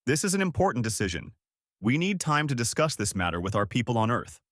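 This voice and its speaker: A man voicing a calm, dignified human male ambassador in a sci-fi audiobook, speaking quietly and with restraint. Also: medium pitch, fast talker, no room sound, studio quality.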